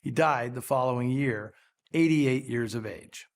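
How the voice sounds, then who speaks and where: A man hosting a film program, delivering scripted commentary in a measured, articulate storytelling way. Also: mid-range voice, gravelly. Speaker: film show host.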